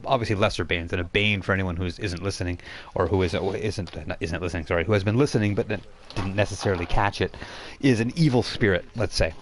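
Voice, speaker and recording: This game master has a deep voice and tells the tabletop story casually, on the fly. He frequently pauses to reword and clarify details, correcting himself as he goes, while crowd noise sits in the background.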